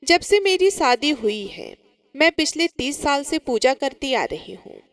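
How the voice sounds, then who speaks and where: A woman's voice: sits high, sing-song, measured pace, a bit bright, heavily acted. A woman voicing a devout old mother who pleads with the goddess in grief, in a storytelling recording. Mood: pleading grief. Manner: pleading, lamenting.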